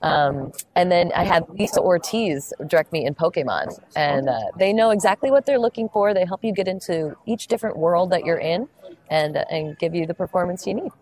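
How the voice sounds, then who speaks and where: A woman voice actress talks in an upbeat, chatty way while being interviewed at a gaming convention. She laughs easily and keeps things friendly. Her voice sits fairly low for a woman. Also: expressive, brisk, a little mellow, poor audio. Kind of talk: casual interview chat.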